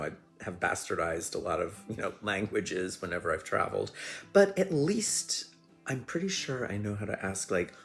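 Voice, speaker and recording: Male host, casual monologue, chatty and rambling, slightly low pitch. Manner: chatty, full of "like" and "you know". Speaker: podcast host.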